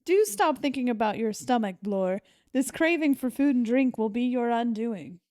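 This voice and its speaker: A woman's voice: fairly high pitch, lively intonation, moderate pace, mellow, close to an everyday voice. A woman reading the part of a brusque male army captain in a plain amateur reading. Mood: curt.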